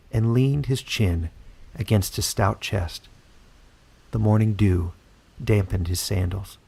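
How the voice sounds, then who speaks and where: A man narrating a fantasy story from a script, in a measured, even storytelling manner. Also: lowish voice, vocal fry, slightly rough.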